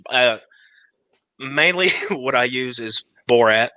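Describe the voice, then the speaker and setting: Bright, laughing male mechanic guest. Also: mid-range voice, takes it slowly, dry recording. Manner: laughs often, expressive. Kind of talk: casual chat.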